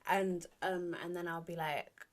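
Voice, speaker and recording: Woman, fairly low voice, podcast co-host, relaxed, giggly, slangy. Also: unhurried, a crowd in the background. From London. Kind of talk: casual chat.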